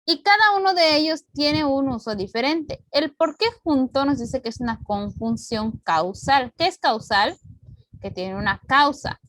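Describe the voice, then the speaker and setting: A woman teacher giving a recorded online grammar lesson, explaining patiently and clearly with example sentences, into a computer mic. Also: on the high side, a bit bright, no echo, poor audio. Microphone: computer mic on video call recording.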